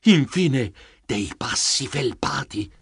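A man narrating a children's audiobook in the first person, playful and theatrical, with comic shouts and sound effects. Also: mid-range voice, big pitch swings, takes it slowly, slight background noise.

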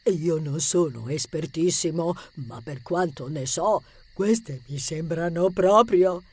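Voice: medium pitch, slow pace, a little mellow, breathy edge. An actor voicing a nervous, fussy teenage boy who stammers when scared, in an audiobook story. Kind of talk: audiobook character acting.

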